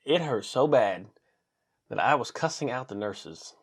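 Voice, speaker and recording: A man in his thirties telling a personal story to camera in a casual, animated way, acting out what people said. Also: measured pace, husky. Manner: animated, acts out quotes with big pitch jumps. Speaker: vlogger.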